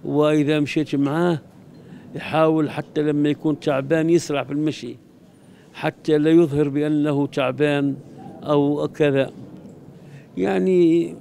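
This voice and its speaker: A man's voice: fairly high pitch, level tone, normal speed, gravelly, mellow, slight background noise. An older man with an Algerian accent giving a spoken tribute as a religious scholar in an interview, repeating phrases for emphasis. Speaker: religious scholar paying tribute to his late teacher. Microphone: handheld TV microphone close in front.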